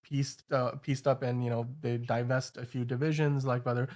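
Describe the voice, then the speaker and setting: A male show host delivers casual news commentary in a middle-pitched voice. He talks loosely and conversationally, wandering into asides as he goes. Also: flat delivery, normal speed, darkish tone.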